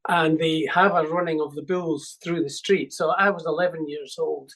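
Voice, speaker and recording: An older man from Scotland with a Scottish accent, a musician recalling his childhood in an interview with many pauses and restarts. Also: fairly high pitch, steady tone, fairly bright tone, rough recording. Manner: hesitant, full of ums and restarts. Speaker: musician guest. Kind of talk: reminiscing interview.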